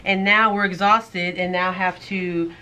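A woman's voice: fairly low pitch, steady tone, unhurried, noisy background. A woman co-hosting a thrift video, chatting casually and joking while packing orders. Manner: joking, laughing, swears casually. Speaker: co-host of a thrift channel.

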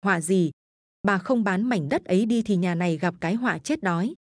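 A woman's voice: mid-range voice, brisk, dry recording, lightly acted. A crude, greedy village man sneers and mocks his old mother, as a woman storyteller puts him on. The voice is dry and close to the mic. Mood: sneering. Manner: sneering, mocking.

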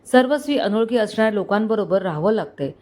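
A woman's voice: medium pitch, expressive, fast, a little mellow, lightly acted. A woman storyteller voicing a young woman on the run, brooding and anxious as she thinks aloud in a spoken story.

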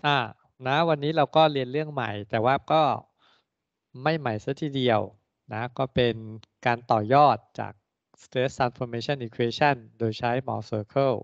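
A man teaching an online engineering class. He talks steadily and ends many phrases with a soft particle. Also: medium pitch, steady tone, unhurried, creaky, no room sound. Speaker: university engineering lecturer. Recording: dry, lo-fi call audio.

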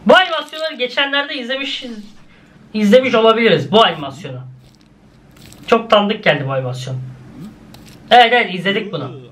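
A man's voice: expressive, brisk, pauses often, a bit bright, slight background noise. A young man casually commenting as he reacts to cartoon clips, often exclaiming and laughing. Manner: exclaiming, laughing, swings between high and low.

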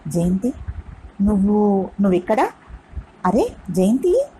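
A woman's voice: medium pitch, sing-song, takes it slowly, warm tone, a little hiss or hum, low-quality recording. Woman reading as an earnest young man.

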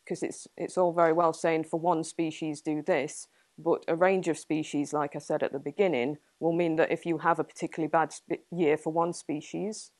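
A young Englishwoman with a low, darkish voice answers audience questions after her talk as a guest entomologist. Her intonation stays fairly even and her pace moderate as she thinks aloud, hedges thoughtfully and laughs often. The small indoor meeting room holds an audience, and there is no echo.

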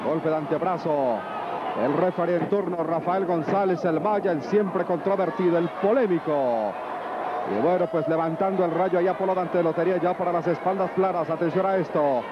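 A man's voice: high voice, normal speed. A Mexican man calling lucha libre play-by-play in live commentary. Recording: muffled old TV tape, noisy arena crowd.

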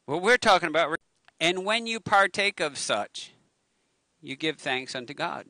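Speaking slowly with a fairly high, expressive voice, this middle-aged pastor sounds bright and forceful. He delivers a chatty, casual sermon on a lawn by the waterfront, holding a mic at a lectern and tossing in self-mocking jokes. There's no echo.

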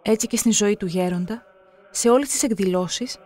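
A narrator reading scripted documentary passages in a measured, solemn way. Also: medium pitch, darkish tone.

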